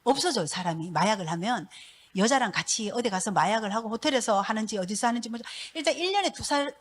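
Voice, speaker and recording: A middle-aged woman, a pastor's wife giving a church testimony in a lively, laughing storytelling manner. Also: a little high, slightly rough.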